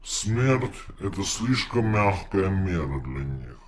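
A man's voice: low-pitched, sing-song, full character voice. A man voicing a cruel, gloomy alien captain who writes poetry, with a grating voice. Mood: brooding. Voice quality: grating, slow and heavy.

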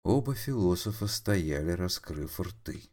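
A man narrating an audio drama in an expressive, theatrical way. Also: low-pitched, unhurried.

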